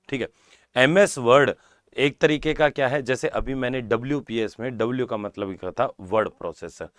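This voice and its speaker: A man lectures to an online class for an exam, going over each term twice. His voice sits a little low. The sound is close and dry. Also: fairly bright tone, dry recording. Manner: repeats key terms, checks in with "ठीक है", calls students "बेटा". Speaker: exam-prep computer teacher.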